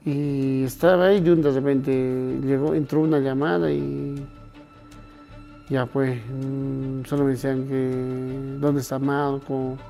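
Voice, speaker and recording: A man's voice: mid-range voice, flat delivery, takes it slowly, creaky, dark tone, faint music behind. A Peruvian man recounts his brother's death in a subdued, weary, hesitant voice. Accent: Peruvian Spanish. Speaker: brother of a victim. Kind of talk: documentary testimony.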